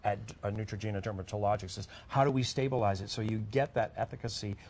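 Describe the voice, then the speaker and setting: A man hosting a home shopping show, delivering a chatty, folksy sales pitch. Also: quick pace, a little mellow.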